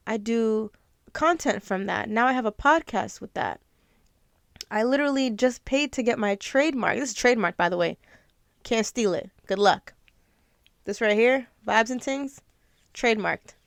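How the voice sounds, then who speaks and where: A young woman with a fairly high voice hosts her own podcast, giving a casual motivational talk that is earnest and emotional, at times close to tears. There is no room sound.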